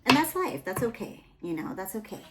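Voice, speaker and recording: A woman's voice: medium pitch, very animated, a little fast, a little hiss or hum. A young adult woman giving a casual, rambling tarot reading, full of fillers and asides. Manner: rambling, chatty, with many fillers. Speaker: tarot reader.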